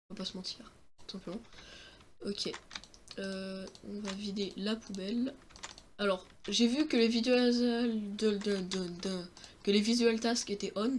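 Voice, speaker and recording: High-voiced young man, joking gameplay commentary. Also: a little hiss or hum. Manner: joking, self-mocking, exclamatory. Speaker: gaming streamer. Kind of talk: let's-play commentary.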